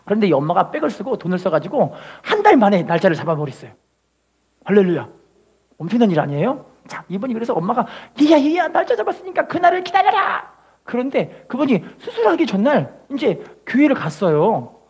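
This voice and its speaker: Animated woman preaching a story sermon. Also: medium pitch, a little fast, breathy edge. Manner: animated, acts out quotes, exclaims hallelujah. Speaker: pastor.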